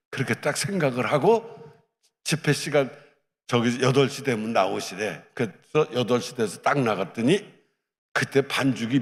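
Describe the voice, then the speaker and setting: Man preaching a story in a reverberant hall. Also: medium pitch. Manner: lively anecdotal storytelling, acting out dialogue. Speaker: pastor. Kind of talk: storytelling sermon. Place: church hall.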